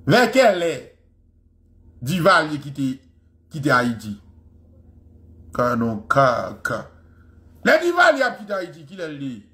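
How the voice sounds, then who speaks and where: High, fervent man lecturing on history. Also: huge pitch swings, slow pace, pauses often, sharp tone, slight background noise. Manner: fervent, repeats phrases for emphasis.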